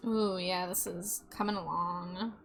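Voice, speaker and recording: A woman hosting a casual art livestream, chatting with viewers in an expressive, welcoming way. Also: fairly low pitch, unhurried, creaky. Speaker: streamer, host of an art livestream. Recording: music behind the voice. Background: music.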